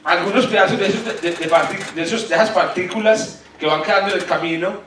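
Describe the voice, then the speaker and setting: A man with a Paisa Colombian accent hosting an informal science talk, halting and colloquial, his articulation slightly awkward from new dental braces. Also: sits high, a bit bright. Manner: colloquial, halting, searching for words. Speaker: colloquium host, astronomer. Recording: echoey hall, far from mic, faint noise.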